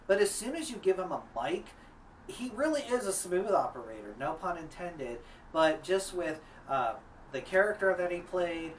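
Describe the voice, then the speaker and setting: A man's voice: a little high, far from the mic, slight background noise. A man co-hosting a casual review chat about wrestling films, enthusiastic and conversational.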